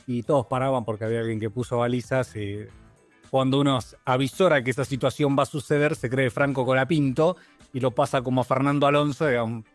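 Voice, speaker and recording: A man's voice: medium pitch, steady tone, fast talker, no echo, faint music behind. A man, co-hosting a casual radio chat in a studio with playful, joking banter. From Argentina. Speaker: radio co-host.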